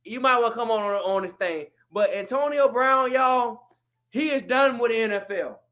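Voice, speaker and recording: A man from Florida, co-hosting a sports podcast in a heated, animated rant that swings between shouts and low mutters. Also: moderate pace. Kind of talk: heated casual sports talk.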